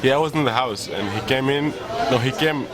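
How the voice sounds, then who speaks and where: A man, calmly telling a friendly story. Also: mid-range voice, fairly quick, crowd noise. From Senegal. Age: 20s. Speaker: interviewee.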